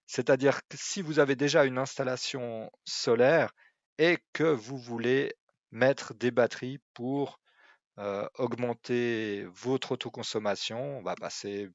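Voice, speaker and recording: A man's voice: medium pitch, fairly even intonation, unhurried, dry recording, dull audio. A man, walking through an online tool in a hesitant way, with many fillers and restarts. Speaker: website presenter. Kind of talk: screen-recorded tool walkthrough.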